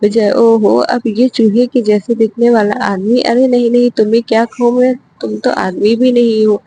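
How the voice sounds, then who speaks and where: A woman's voice: on the high side, flat delivery, normal speed, dark tone, slight background noise, natural voice, rough recording. A woman voicing a lazy, fretful young man who grumbles worriedly to himself, in a storybook reading.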